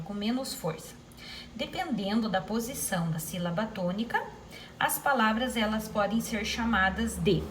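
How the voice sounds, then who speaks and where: A woman's voice: mid-range voice, slight background noise, poor audio. A woman, teaching a recorded lesson to primary school pupils and repeating key terms patiently.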